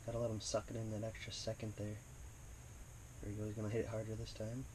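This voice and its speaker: A man vlogging while ice fishing on a frozen lake, talking quietly to himself and the camera as he fishes, with sudden excited bursts. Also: lowish voice, fast talker, background noise. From Wisconsin. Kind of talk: casual narration while fishing.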